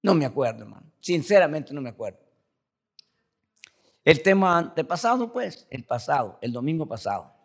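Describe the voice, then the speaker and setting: A man's voice: fairly high pitch, sing-song, normal speed, long pauses. An older man, a pastor, preaching a sermon in a loose, conversational way, full of repeated words and tag questions to the congregation. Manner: addresses the congregation as brothers throughout.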